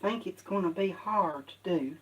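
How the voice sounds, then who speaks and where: A woman's voice: on the low side, normal speed. A woman talks herself through cooking in her home kitchen, rambling and repeating herself in a folksy way. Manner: rambling, repetitive folksy self-talk. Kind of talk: casual cooking commentary.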